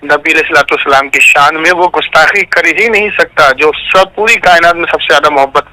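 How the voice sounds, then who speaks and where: A man's voice: fairly high pitch, a little fast, sharp tone, no echo. A man debating religion on a phone call, quizzing and mocking his opponent. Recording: phone line.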